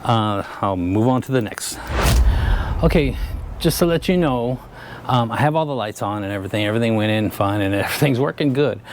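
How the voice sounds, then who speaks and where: A man's voice: fairly low pitch, expressive, a little fast, slight background noise. A man hosting his own channel, giving a rambling, easygoing product review full of filler words while standing by a vehicle. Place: by a vehicle, showing its lights.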